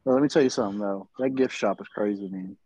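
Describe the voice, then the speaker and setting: A man's voice: fairly low pitch, fast, warm tone, no echo. A man co-hosting a podcast, bluntly insulting his friends in crude banter over a video call. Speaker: podcast co-host. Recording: dry, muffled call audio.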